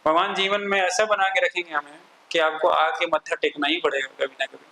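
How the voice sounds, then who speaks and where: A man's voice: a little high, steady tone, fairly quick, gravelly, pushed and bright, slight background noise, rough recording. A man with an Indian accent giving a scripture class, mixing Hindi and English and quoting Sanskrit verses. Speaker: spiritual teacher.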